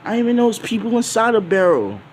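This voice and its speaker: A man voicing a timid teenage boy deckhand who talks in a squeaky, panicky way. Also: big pitch swings, fast, slight background noise. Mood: alarmed.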